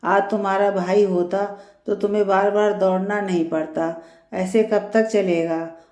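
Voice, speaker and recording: A woman voicing a complaining, sharp-tongued older mother-in-law in a storybook reading. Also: mid-range voice, steady tone, measured pace, roomy sound, close to an everyday voice. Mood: taunting. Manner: complaining, taunting.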